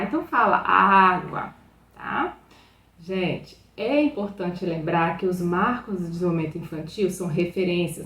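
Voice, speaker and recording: A young adult woman with a Brazilian Portuguese accent explains things to parents as a pediatrician, in a chatty, direct way that keeps checking in with her listeners. Her voice sits at a middle pitch. She sounds set back from the mic in an echoey room. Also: distant mic. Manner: chatty, often asks "né?" and calls the audience "gente". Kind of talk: advice talk to parents.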